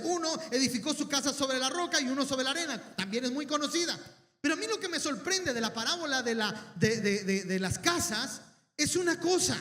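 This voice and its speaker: A man's voice: extremely high pitch, sharp tone. A man preaching a sermon, talking conversationally to the congregation, repeating words and asking them questions. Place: church hall. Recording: echoey hall, mic at a distance.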